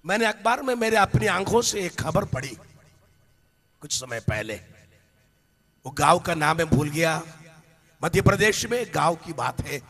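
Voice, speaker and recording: A man preaching a sermon to a congregation, telling anecdotes and building to impassioned, shouted climaxes, recorded in a large hall. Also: on the high side, lively intonation, a little slow, long pauses, husky. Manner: storytelling with anecdotes. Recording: long reverb of a big hall.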